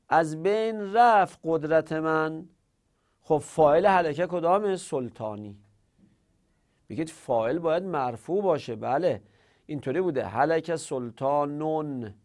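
A man teaching Arabic grammar and recitation in a classroom lecture, asking questions and answering them himself and repeating words slowly to show pronunciation. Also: on the high side, a little mellow.

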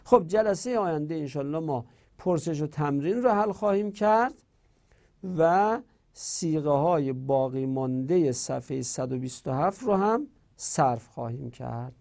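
Man teaching grammar in a higher voice. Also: animated, creaky, a little mellow. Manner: patient step-by-step drilling, repeats verb forms slowly; corrects himself mid-explanation. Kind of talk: classroom lecture.

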